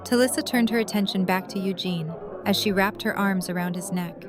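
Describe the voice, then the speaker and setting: Speaking a little fast at medium pitch, this female narrator reads scripted audio-drama narration over an underlying music bed. The background carries music and crowd chatter from a party.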